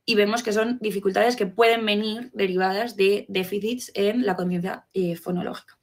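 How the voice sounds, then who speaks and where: A woman's voice: mid-range voice, fairly even intonation, normal speed. A woman giving an explanatory talk to fellow professionals, asking rhetorical questions and checking in often. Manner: teacherly, poses rhetorical questions, frequent "¿vale?" check-ins. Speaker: educator giving a talk on literacy.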